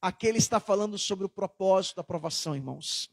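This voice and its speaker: A man's voice: high voice, fast, creaky, no echo. A man preaching a sermon as pastor, chatty and conversational, with sudden emphatic stresses.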